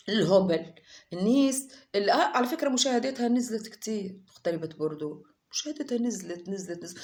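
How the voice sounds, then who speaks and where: A woman talks straight to her viewers in a casual rant. She speaks fast and sounds indignant, hammering her points with repeated oaths and emphatic repetition. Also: mid-range voice. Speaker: YouTuber commenting on other channels.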